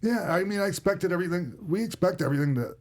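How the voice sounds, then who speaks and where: A man's voice: high voice, expressive, quick pace, darkish tone. Rambling middle-aged man telling stories. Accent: Minnesota. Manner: rambling, many restarts and fillers. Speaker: podcast host and former wrestler. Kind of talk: casual podcast storytelling.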